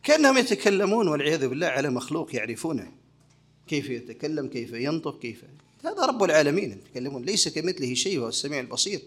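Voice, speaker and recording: Racing through his religious lesson, a very animated sheikh with a high male voice poses questions and answers them himself, building his points in a teaching rhythm. His tone is a bit bright, with a breathy edge.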